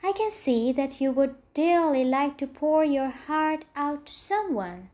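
A woman's voice: sits high, lively intonation. A woman voicing a kindly storybook king. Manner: gentle, measured. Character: kindly old male king, calm and thoughtful.

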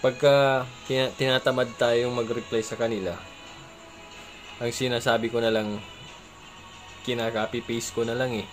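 A man chatting casually in an ordinary mid-range voice as he gives advice, often tagging his points with a question for agreement and a small chuckle. Soft music plays faintly behind him. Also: medium pitch, little pitch movement, moderate pace, pauses often. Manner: conversational, keeps asking "di ba?" for agreement; chuckles between remarks. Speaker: vlogger giving advice. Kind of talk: casual chat.

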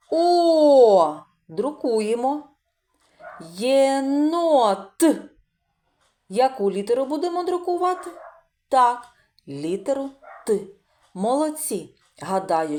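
A woman's voice: medium pitch, dark tone. A woman teaching a literacy lesson to preschool children, speaking in a sing-song teacher's voice that draws out sounds and praises often. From Ukraine.

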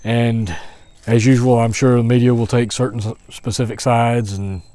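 A man's voice: medium pitch, little pitch movement, moderate pace, dry recording. Man musing aloud on a woodland walk. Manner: thinking out loud, hesitant with restarts. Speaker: vlogger. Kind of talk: walk-and-talk commentary. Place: outdoors in spring woods, walking. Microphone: phone held at arm's length.

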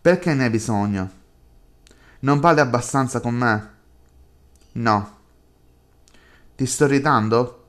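A man's voice: mid-range voice, slow pace, pauses often, a bit bright. A man reading the lines of a controlling, possessive unseen entity that coaxes and gives orders in a chat horror game. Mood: coaxing, commanding.

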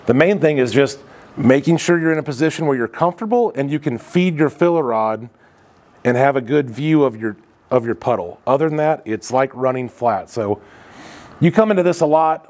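A man's voice: medium pitch, lively intonation, moderate pace, a little mellow. A man in his thirties, a welding instructor, talking casually through a demonstration in an indoor welding shop, loose and conversational, with frequent fillers.

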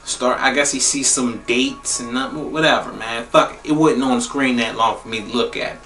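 A young man giving a casual spoiler movie review, profane and blunt, repeating phrases for emphasis and jumping into high exclaims. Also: normal speed, far from the mic. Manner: animated, jumps into high exclaims. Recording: roomy echo, a bit off-mic, faint music behind.

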